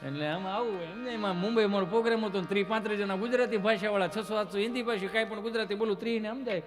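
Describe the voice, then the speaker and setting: A high-pitched man tells comic stories, chatty and anecdotal. He slips into the voices of the people in his stories and now and then bursts into loud chanted verse. Faint music plays behind him. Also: racing. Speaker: folk comedian and storyteller. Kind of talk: Gujarati comic storytelling on stage.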